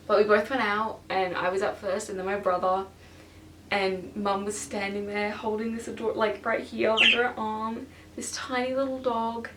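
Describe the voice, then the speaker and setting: Teenage girl, vlog chat, excitable, lots of fillers, echoey bedroom, a little far from the camera. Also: medium pitch, normal speed, heavy background noise. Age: teens. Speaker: vlogger. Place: her bedroom. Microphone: stationary camera. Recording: roomy and distant from the camera.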